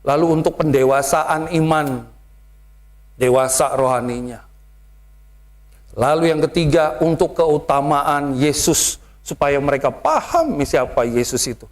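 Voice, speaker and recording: A man preaching a sermon as pastor, telling lively stories and mimicking how other people talk. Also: fairly high pitch, measured pace.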